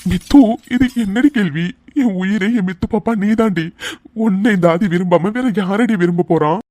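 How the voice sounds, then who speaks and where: A devoted young husband in a cartoon love story, coaxing his wife one moment and breaking down the next. A performer gives him a mid-range, mellow voice. The sound is dry and close. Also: mid-range voice, normal speed, no echo, close to an everyday voice. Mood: hurt pleading. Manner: coaxing, then breaking into tears. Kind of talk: cartoon voice acting.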